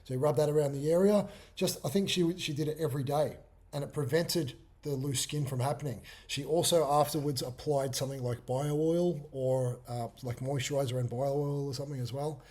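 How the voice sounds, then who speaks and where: A man's voice: mid-range voice, steady tone, brisk, a little mellow. Informal Antipodean man explaining things. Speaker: fitness coach. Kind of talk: casual chat.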